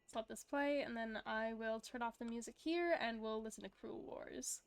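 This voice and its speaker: A woman with a bright, high voice gives casual running commentary on a game she is playing. She reacts with quick, chatty jokes and asides as she goes. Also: slight background noise. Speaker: game player. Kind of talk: casual let's-play commentary.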